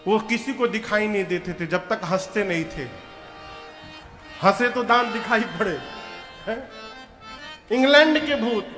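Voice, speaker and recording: A man's voice: extremely high pitch, bright, forceful tone. A man telling a devotional story as a sermon, voicing the characters and breaking into chant, recorded in a large hall. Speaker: katha storyteller. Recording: echoey hall with music behind.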